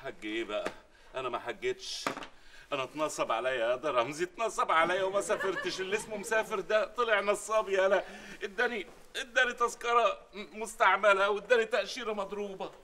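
An actor playing a hot-tempered man conned out of his trip, with an Egyptian accent, loud and indignant in a sitcom. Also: sits high, fast, slight background noise. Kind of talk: sitcom acting. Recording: sitcom studio with laugh track. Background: studio audience laughter.

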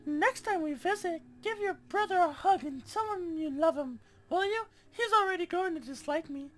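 A man putting on a girly falsetto woman. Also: expressive, normal speed, faint music behind. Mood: mock-sweet. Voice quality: high falsetto. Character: girly young woman writing a note.

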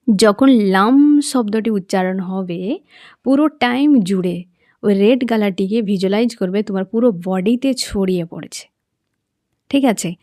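A woman's voice: medium pitch, a little mellow, no room sound, studio quality. A woman teaching chakra meditation, explaining patiently and checking that listeners follow. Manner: patient, repeats and checks understanding. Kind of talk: guided meditation instruction.

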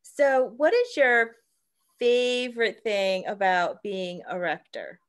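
A woman's voice: on the high side, lively intonation, slow. A middle-aged woman hosting a friendly interview for children over a video call. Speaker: host. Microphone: video call microphone.

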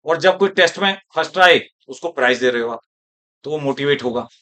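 A man's voice: medium pitch, animated, a little fast, pushed and bright. A male teacher giving a classroom lecture, talking in a rhetorical way and often checking whether his students follow him.

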